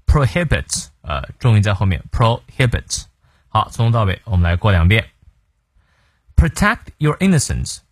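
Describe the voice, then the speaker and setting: A man's voice: on the low side, slightly rough, dry recording, studio quality. A man teaching a morning English lesson, explaining a quote word by word.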